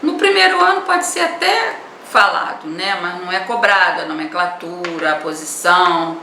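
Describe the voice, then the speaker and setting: A woman's voice: on the low side, animated, moderate pace, bright, forceful tone. A woman teacher with a Brazilian Portuguese accent giving an online class, explaining patiently and often adding a questioning "né?". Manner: explanatory, repeats words and adds "né?". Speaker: primary school teacher. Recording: echoey room, voice from a distance, faint noise.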